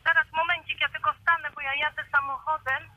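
A woman's voice: high voice, level tone, quick pace, bright, forceful tone, slight background noise. A middle-aged woman calling in to a radio show by phone, agitated and insistent, repeating her complaint. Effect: phone call into a radio show.

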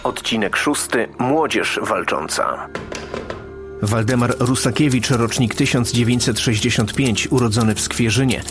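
A man's voice: medium pitch, fairly even intonation, moderate pace, hardly any pauses. A man delivering scripted narration for a radio history documentary. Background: music.

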